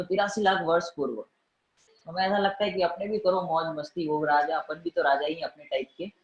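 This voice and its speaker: A man giving a Jain religious discourse in a conversational way, often asking his listeners whether they follow. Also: high-pitched. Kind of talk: Hindi religious discourse mixed with English words. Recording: roomy, dull recording.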